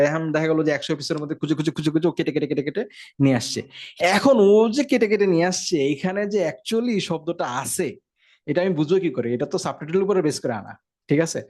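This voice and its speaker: A man gives a casual tech lecture at a rapid clip. His voice sits a little high, and he keeps the tone conversational, often stopping to check that his listeners are following. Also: lively intonation, darkish tone. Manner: fast, conversational, frequent check-ins. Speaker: instructor.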